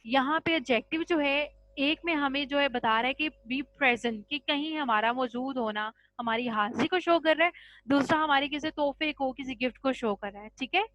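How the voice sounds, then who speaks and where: A woman's voice: sits high, normal speed, fairly bright tone, muffled recording. A woman teaching English grammar in a patient classroom style, mixing Hindi with English terms and checking in with "ठीक है?" after each point. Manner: addresses students as children.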